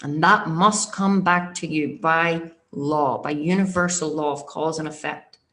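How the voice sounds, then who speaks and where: A woman's voice: low-pitched, fairly even intonation, measured pace, a bit bright. A woman with a Northern Irish accent teaching as a motivational coach, speaking emphatically and directly to her listeners and checking in with them.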